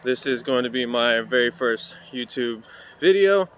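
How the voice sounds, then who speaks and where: A vlogger and parkour coach films himself on a cheap phone while walking an outdoor trail with a heavy sandbag, chatting to the camera and rambling with lots of "uh"s. His mid-range voice has lively intonation and a measured pace, with background noise in the recording.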